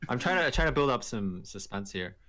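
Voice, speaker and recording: A man's voice: mid-range voice, sing-song, fairly quick, a crowd in the background. A man hosting a casual gaming live stream, playfully teasing his co-hosts and hyping up announcements. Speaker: podcast host.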